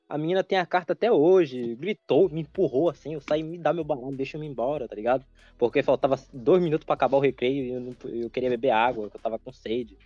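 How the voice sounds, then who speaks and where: Young man telling an excited story. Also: on the high side, no room sound. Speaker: podcast co-host. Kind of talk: casual chat. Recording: dry, dull lo-fi with faint music.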